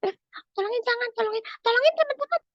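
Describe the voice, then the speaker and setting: A little girl, squeaky, very high, earnest, children's story, slightly muffled sound. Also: quick pace, no room sound. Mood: worried. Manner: earnest, chatty, talks to the young audience. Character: sweet, earnest little schoolgirl.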